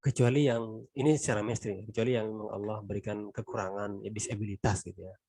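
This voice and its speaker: A man with an Indonesian accent teaching a relaxed, conversational Quran exegesis lesson, tagging phrases and trailing off softly. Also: lowish voice, fast, dry recording. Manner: conversational, frequent "gitu kan" tags, trailing softly. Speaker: religious teacher.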